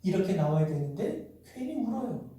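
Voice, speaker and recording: A man's voice: sits high, big pitch swings, moderate pace, warm tone. A middle-aged male pastor preaching a sermon, asking the congregation rhetorical questions and acting out the voices in the stories he tells. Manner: acts out quoted voices in dialogue. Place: church sanctuary. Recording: echoey church from far off.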